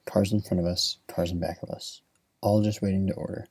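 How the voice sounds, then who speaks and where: A man narrating a comic spoken-word story with a gravelly, deadpan, rhythmic delivery. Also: deep voice, a little fast, no echo.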